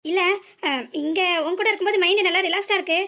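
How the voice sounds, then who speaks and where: Voice actor doing a squeaky jumpy cartoon husband. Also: fairly even intonation, quick pace, sharp tone, heavily acted. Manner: stammering, nervous. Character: boastful young husband, secretly scared of ghosts. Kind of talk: comic cartoon voice acting.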